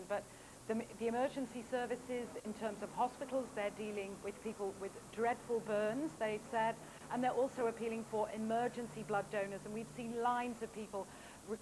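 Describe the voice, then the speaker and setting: British female correspondent reporting live outdoors, unscripted, faint city ambience on an old broadcast tape. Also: medium pitch. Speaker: news correspondent. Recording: faint street noise, VHS broadcast.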